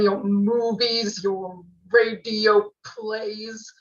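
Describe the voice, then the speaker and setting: A woman's voice: a little high, fairly bright tone, lo-fi sound. A woman voicing a boastful alien conqueror who speaks through a robotic translator voice, theatrical and menacing. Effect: robotic universal-translator voice. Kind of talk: comedic audio drama acting.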